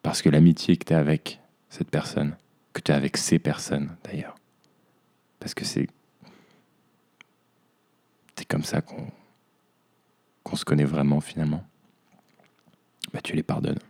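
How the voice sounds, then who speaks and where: A young man with a very deep, gravelly voice and a dark, mellow tone. He hosts a podcast in a reflective personal monologue and looks back on hard months. He speaks to himself as "you". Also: little pitch movement, a little slow, pauses often. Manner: introspective, addresses himself as "tu". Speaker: podcast host.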